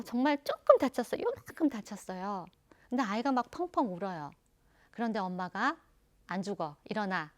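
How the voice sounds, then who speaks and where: A woman giving an online parenting lecture, explaining calmly and addressing parents directly. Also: fairly high pitch.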